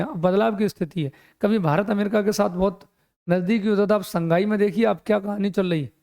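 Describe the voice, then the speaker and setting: A man's voice: high-pitched, gravelly, darkish tone. A middle-aged man teaching an exam coaching lecture, mixing English terms into his explanations and often asking questions and answering them himself.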